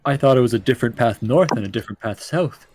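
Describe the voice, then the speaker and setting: A man's voice: mid-range voice, quick pace, darkish tone, no room sound, close to an everyday voice. A man voicing a scheming, defensive dwarf merchant in a tabletop game, pleading and bargaining. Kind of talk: tabletop role-play.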